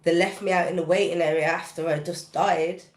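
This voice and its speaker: A reverberant recording captures a British woman, a guest recording artist, recounting a personal story on a podcast. Her fairly low voice holds a steady tone and runs fairly quick. She tells it vividly and intensely, casually, with casual dialect grammar.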